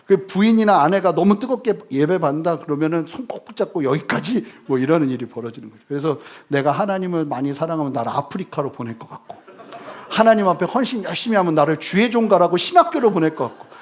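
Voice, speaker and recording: A male pastor giving a sermon, telling humorous stories with sudden loud bursts. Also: on the high side.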